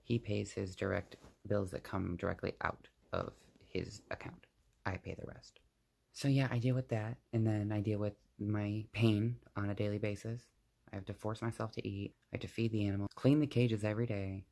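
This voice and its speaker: A man's voice: fairly low pitch, steady tone, moderate pace, gravelly, darkish tone. A young man vlogging, venting to the camera in a rambling, blunt and profane way.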